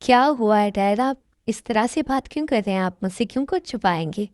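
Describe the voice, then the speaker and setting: A woman voicing a gentle young adult daughter in an amateur dub, speaking softly and earnestly. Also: medium pitch, lively intonation, fairly quick, no room sound, studio quality, natural voice.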